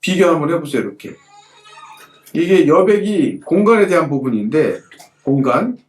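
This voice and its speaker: Animated man teaching calligraphy, echoey room. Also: a little high, moderate pace. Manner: animated, repetitive, rhetorical questions to students. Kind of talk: hands-on lesson while demonstrating.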